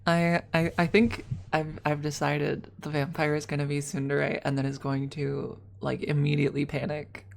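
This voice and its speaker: A young adult woman streaming, chatting casually and thinking out loud as she plans a role-play with her chat, laughing often and swearing freely. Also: sits low, flat delivery, moderate pace, vocal fry, hardly any pauses. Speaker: ASMR streamer.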